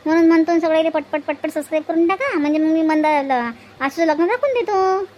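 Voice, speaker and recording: A woman's voice: very high voice, fast talker, darkish tone, highs cut off. A woman with a Varhadi Marathi accent who runs a cartoon channel, casually coaxing viewers. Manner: chatty, coaxing.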